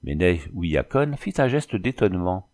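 A man reads a classic novel aloud with a measured, even storytelling manner. His voice sits on the low side. The reading is calm and unhurried. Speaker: audiobook narrator. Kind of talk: scripted narration.

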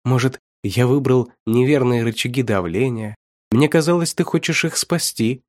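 A man's voice: medium pitch, normal speed, no echo, studio quality, close to an everyday voice. A man voicing a cruel, mocking male villain who taunts his captive in an audiobook. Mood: taunting. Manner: taunting, sneering, laughs at his victim. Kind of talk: audiobook reading.

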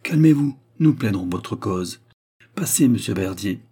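A man voicing a loud, jovial young giant of a hunter, boisterous and hearty, with a low, dark, husky voice. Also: animated, unhurried, full character voice.

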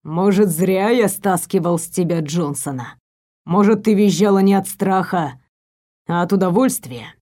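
A woman voicing an angry, menacing young stepbrother who talks low and mocking. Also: unhurried, warm tone.

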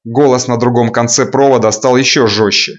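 A man reading a dark thriller audiobook aloud at a mid pitch, measured and dramatic. His delivery is steady and clear. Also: dull audio. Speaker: audiobook narrator. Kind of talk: scripted audiobook narration.

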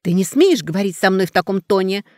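A man voicing a domineering aristocratic mother who shouts commands at her grown son, read as an audiobook character. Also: high voice, lively intonation, quick pace, no echo, clean studio sound. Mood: imperious, shouting. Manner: loud, commanding, scolding.

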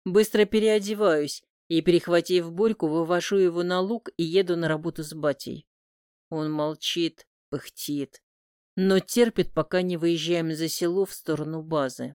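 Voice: medium pitch, fairly even intonation, normal speed, darkish tone, clean tone, no echo. An audiobook narrator reading a first-person romance with emotional, intimate delivery, recorded on a close studio mic.

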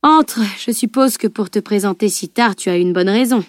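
A woman's voice: medium pitch, moderate pace, no room sound, clean studio sound, lightly acted. A woman reading the voice of a weary, wary middle-aged mother in an audiobook. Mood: resigned.

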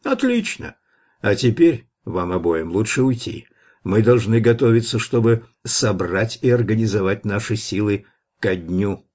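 A man's voice: lowish voice, sing-song, unhurried, a little mellow. A man voicing a commanding male bat-man leader in an audiobook, imperious and clipped.

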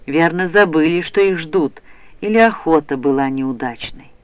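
Male audiobook narrator, high and very animated, dry and close, slightly muffled sound. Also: dry recording. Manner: expressive reading. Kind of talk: storybook narration. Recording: dull, slightly lo-fi recording.

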